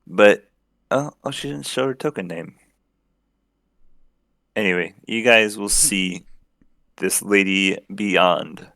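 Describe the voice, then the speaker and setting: A man's voice: deep voice, slow, vocal fry, pauses often, sharp tone, no echo. A young man acting as game master, narrating a tabletop game in a casual, loose way with lots of fillers.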